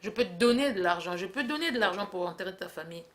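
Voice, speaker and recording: A woman's voice: medium pitch, expressive, fast talker. A young woman in a comic back-and-forth, teasing and scolding with frequent laughter. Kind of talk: comic two-woman dialogue.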